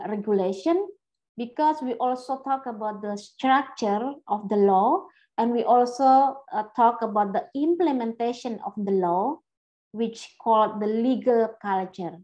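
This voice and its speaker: A woman's voice: a little high, darkish tone, lo-fi sound. A woman law lecturer giving an interactive lecture, calling on students by name and repeating her questions.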